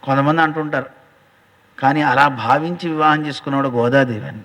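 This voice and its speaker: A man giving a devotional storytelling sermon as a religious teacher, animated, acting out dialogue and addressing listeners directly. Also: mid-range voice, a little fast. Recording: long hall reverb.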